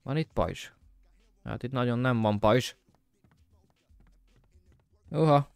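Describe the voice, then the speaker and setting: A man talking his viewers through a game in loose, casual commentary. He jokes to himself and to the audience, swears now and then, and keeps bursting into high, loud shouts when things go wrong. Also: creaky, clean tone, no room sound. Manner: jokey self-talk to viewers. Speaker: gameplay commentator. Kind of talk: casual let's-play commentary.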